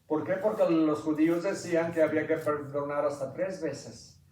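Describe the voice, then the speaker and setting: A man preaching an impassioned sermon, quizzing the congregation and building to loud climaxes. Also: fairly high pitch, little pitch movement, moderate pace. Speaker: pastor. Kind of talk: sermon with Bible reading. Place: church sanctuary. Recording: echoey church, mic at a distance.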